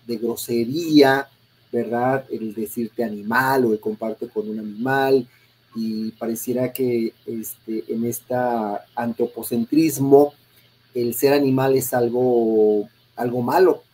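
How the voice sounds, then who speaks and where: A man hosting a conversational interview, speaking in a measured, reflective way with frequent filler pauses. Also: mid-range voice, steady tone, dark tone, breathy edge, low-quality recording. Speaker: host.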